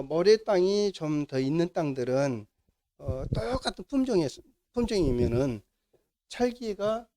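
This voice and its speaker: Middle-aged guy w/ jeolla accent teaching a class, bit high voice, keeps asking the room stuff then answering it himself. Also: dark tone. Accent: Jeolla Korean. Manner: asks the class questions and answers them himself. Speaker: instructor. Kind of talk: classroom lecture.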